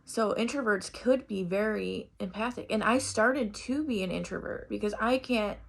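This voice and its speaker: A woman's voice: medium pitch, normal speed, vocal fry. A young adult woman talking casually to the camera in a rambling personal monologue, restarting often and swearing casually. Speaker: vlogger.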